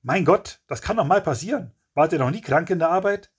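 Man voicing a sick coughing thug, strained and high, husky, defensive, audiobook villain. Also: lively intonation, brisk. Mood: sheepish.

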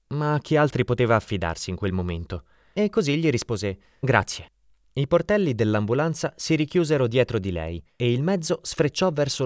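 Man with a lively narrating voice. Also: mid-range voice, no echo, clean studio sound. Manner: expressive, dramatic reading. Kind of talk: audiobook narration.

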